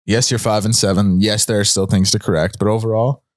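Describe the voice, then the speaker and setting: A man's voice: on the low side, fairly even intonation, a little fast, dry recording, clean studio sound. A man hosting a casual sports podcast, chatty and loose, poking fun at himself as he runs through the show. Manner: chatty, loose, self-joking. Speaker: podcast host.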